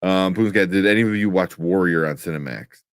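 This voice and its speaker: A young man co-hosting a live pop-culture chat show, relaxed and rambling with restarts. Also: low voice, brisk, clear, resonant tone, dry recording, clean studio sound. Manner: laid-back, rambling with restarts and laughs. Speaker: co-host of live nerd news show. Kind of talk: casual chat.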